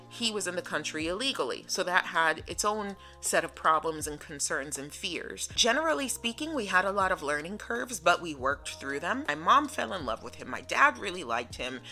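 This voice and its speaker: A woman's voice: low voice, pushed and bright. A woman from the United States telling a personal story in a casual, chatty vlog style. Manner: casual, chatty, laughing now and then. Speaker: vlogger. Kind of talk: storytime narration.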